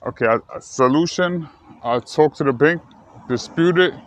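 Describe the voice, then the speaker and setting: A man's voice: on the high side, normal speed, no echo. A man from the United States talking casually and earnestly to his viewers, rambling and correcting himself as he goes. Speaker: vlogger. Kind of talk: casual personal talk to camera. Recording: slightly dull lo-fi recording with faint ambient noise.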